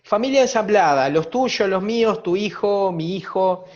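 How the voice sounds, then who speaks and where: At a virtual conference, a man who is a psychologist speaks in Uruguayan Spanish-accented tones, reflective and explanatory, with rhetorical tag questions. He talks at a moderate pace in a high-sitting voice, and the call audio sounds dull and lo-fi.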